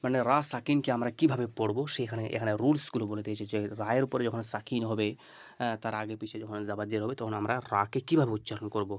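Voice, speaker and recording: A man's voice: fairly low pitch, fairly even intonation, quick pace, no room sound. A man teaching Quran reading, spelling out letters and vowel marks step by step and often checking "okay?". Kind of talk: lesson on reading Arabic letters.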